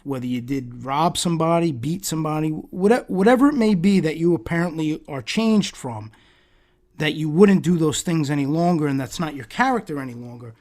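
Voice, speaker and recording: A man hosting a solo podcast, talking through rhetorical questions in a sarcastic tone and often repeating words and restarting. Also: fairly high pitch. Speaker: podcast host.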